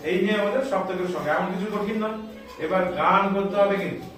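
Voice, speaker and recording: High-voiced man teaching a music class. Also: fast talker, a bit bright, heavy reverb, recorded from a distance. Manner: explains step by step, calls out scale notes, scolds chatty children. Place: school classroom.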